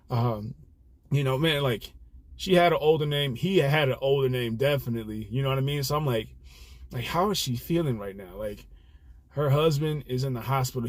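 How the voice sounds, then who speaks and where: With no room sound, a young rideshare driver reflects on something from his own life in a medium-pitched voice. The story wanders casually, earnest and packed with filler words.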